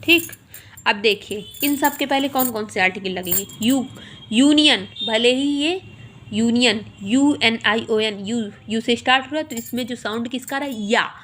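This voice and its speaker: A woman teacher, slowly explaining a grammar lesson and spelling words out letter by letter. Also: on the high side, a bit bright. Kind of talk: Hindi grammar lesson explaining English articles.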